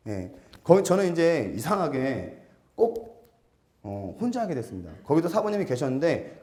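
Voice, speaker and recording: A man giving a storytelling seminar lecture, animated and self-mocking, acting out quotes and putting questions to his audience. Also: on the high side. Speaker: lecturer for martial arts gym instructors.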